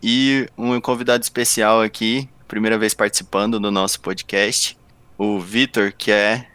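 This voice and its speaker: A man's voice: fairly low pitch, flat delivery, moderate pace, fairly bright tone, smooth, dry recording. A man with a Brazilian accent hosting a podcast in a casual, conversational style. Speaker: podcast host.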